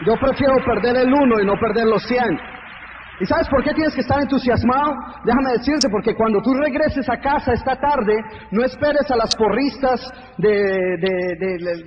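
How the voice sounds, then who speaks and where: A man giving an energetic motivational seminar to a live audience, joking and firing rhetorical questions at the crowd. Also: very high voice. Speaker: motivational speaker. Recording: echoey hall, dull lo-fi sound, faint noise.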